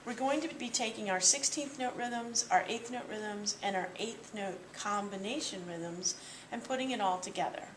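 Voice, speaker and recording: A woman's voice: mid-range voice, moderate pace, a little hiss or hum. Lady walking students thru a drum piece, talks patient w/ ums, roomy sound, kinda far from the mic. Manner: patient, explains step by step with fillers. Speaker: percussion teacher. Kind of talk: instructional walkthrough. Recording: roomy, distant mic with loud drumming.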